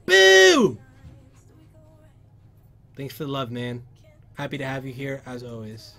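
Male livestream host, mid pitch, loose casual chat, faint music behind. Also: brisk. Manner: loose and chatty, bursts of loud excitement. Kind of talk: casual livestream chat, reading viewer comments. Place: PC workshop.

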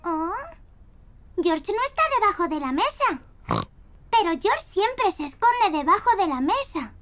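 A woman's voice: extremely high pitch, big pitch swings, unhurried, a bit bright, exaggerated voice. A woman voicing a cheerful, bossy little girl piglet in a children's cartoon, with a Castilian Spanish accent and an emphatic, childlike manner. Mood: puzzled. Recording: music behind the voice.

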